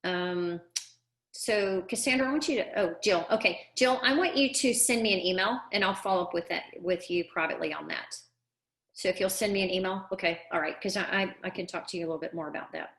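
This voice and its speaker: A woman's voice: fairly low pitch, a little fast, fairly bright tone. A middle-aged woman coaching parents in a live online class, earnest and emphatic, repeating words for stress. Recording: echoey room.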